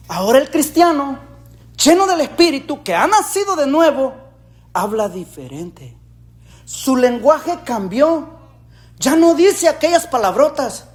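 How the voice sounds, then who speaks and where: Casting: male pastor, high voice, lively sermon full of rhetorical questions. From El Salvador. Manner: animated, rhetorical questions, jokey asides.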